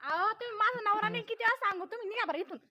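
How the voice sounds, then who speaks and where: A woman acting a sharp-tongued young village wife, scolding with quick retorts. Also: very high-pitched, exaggerated voice. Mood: irritated.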